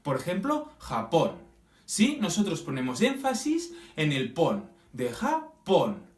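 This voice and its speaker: A man explains a grammar lesson, his pitch swooping high and low as he stretches out each example word. He often pauses to check in with the class. He sounds a little far the mic in an echoey room. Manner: lively, drawn-out examples, checking in with "¿sí?". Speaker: teacher.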